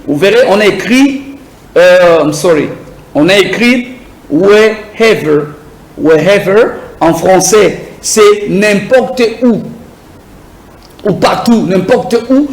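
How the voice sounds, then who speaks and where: A man with a high voice gives a beginner English lesson, taking his time over every word. He drills vocabulary by saying each item again and again and asking listeners to repeat it. The sound is roomy, with noticeable echo. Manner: slow, repetitive drilling, asks viewers to repeat. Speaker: English teacher.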